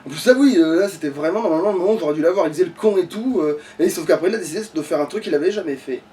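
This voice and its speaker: This let's play streamer grumbles and swears casually while gaming, talking rapid-fire in a mellow, medium-pitched voice. The mic sits at a distance, with video game music playing behind.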